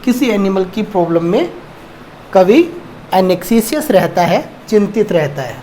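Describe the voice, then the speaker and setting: A man's voice: sits high, expressive, dark tone, a little hiss or hum. A man teaching English poetry, who asks questions and answers them himself while explaining. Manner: explains slowly, asks and answers his own questions, mixing Hindi and English. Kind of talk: online lesson on a poem.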